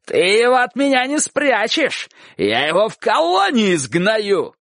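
A man shouting as a furious bullying dogcatcher. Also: high-pitched, huge pitch swings, measured pace, vocal fry, no room sound, studio quality, pitched above the performer's own voice, full character voice. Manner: yelling threats, drawn out.

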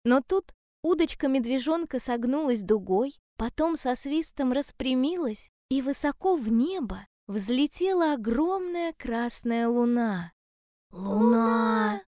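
A woman telling a children's story in a calm, gentle and measured way. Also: high-pitched, dry recording, clean studio sound.

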